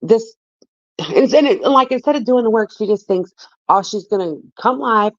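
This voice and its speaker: A woman's voice: fairly high pitch, expressive, normal speed, dry recording. Woman rambling thru gossip on a stream, laughs a lot, swears, dull dry sound. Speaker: livestream co-host. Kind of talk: casual gossip commentary.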